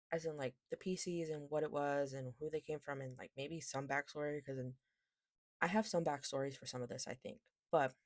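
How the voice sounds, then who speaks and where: This K-pop collector and vlogger has a low, slightly mellow voice, captured in a dry, clean studio recording. Her haul chat is casual and rambling, she cuts herself off often, and her lisp gives her s a slushy sound.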